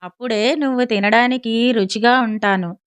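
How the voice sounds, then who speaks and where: A woman's voice: on the high side, normal speed, clean tone, dry recording, natural voice. A woman voicing a small clever sparrow. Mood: bargaining.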